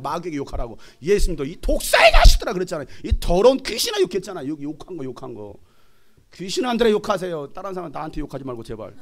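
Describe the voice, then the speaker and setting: A man who is a pastor, preaching an animated, joking sermon and at times shouting commands. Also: a little high.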